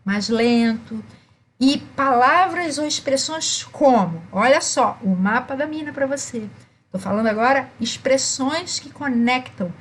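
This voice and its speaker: A woman's voice: fairly high pitch, fairly bright tone, slight background noise. A woman presenting a teaching webinar, tagging her sentences with "né?" and reading out lists of words. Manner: frequent "né?" tags, lists words.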